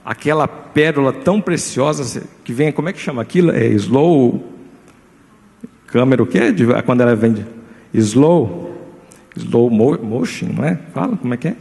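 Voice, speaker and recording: A man who is a pastor with a Brazilian Portuguese accent, preaching a lively sermon and putting many questions to his congregation. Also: mid-range voice, brisk, vocal fry. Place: church hall. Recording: live church recording with long reverb.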